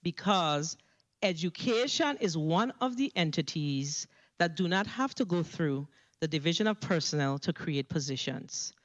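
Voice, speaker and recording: A woman's voice: lowish voice, animated, a little slow, dull audio. A woman senator, pressing an official insistently at a hearing over a video call whose audio breaks up and fades. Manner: impassioned, insistent, repeats herself. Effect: video call audio breaking up and fading. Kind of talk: legislative hearing questioning.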